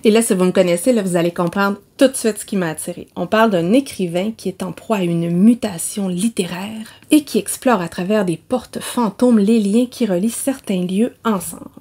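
Woman, Québécois accent, book vlogger, casual chat, self-mocking, quick laughs. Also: medium pitch, mellow, breathy edge. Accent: Québécois French. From Quebec.

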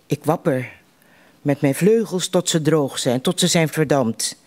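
A man reciting poems in a slow, measured way, with deliberate pauses between lines. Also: fairly high pitch. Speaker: poetry reciter at a literary evening.

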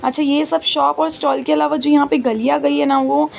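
A woman's voice: sits high, level tone, fairly quick, vocal fry, a crowd in the background. A woman, chatting and listing prices as she walks a busy outdoor street market, filming on a phone. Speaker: market vlogger. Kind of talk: walking market tour vlog. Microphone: handheld phone camera. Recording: street noise in background. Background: street market ambience.

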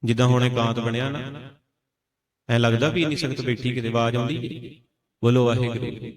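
A man's voice: medium pitch, level tone, a little fast. A male Sikh preacher telling a sermon story to a congregation, calling out responses and breaking into chanted verses. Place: congregation gathering.

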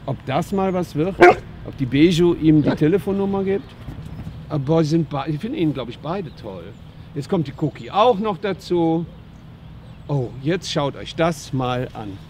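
A man who works as a dog trainer, giving lively casual commentary outdoors as he talks to the dogs and to his viewers. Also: a little high, measured pace, slight background noise.

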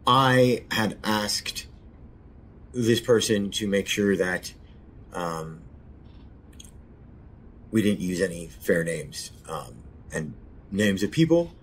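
A man hosting his own show, speaking softly and hesitantly with many pauses and fillers. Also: sits low, lively intonation, a little hiss or hum. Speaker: podcast host. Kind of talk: casual spoken introduction.

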